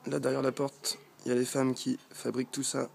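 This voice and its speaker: A man's voice: medium pitch, completely flat delivery, fairly quick, gravelly, a little hiss or hum. A man from France, a travel vlogger, chatting casually to a handheld camera as he walks through a village street, rambling and often hesitating. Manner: talking while walking.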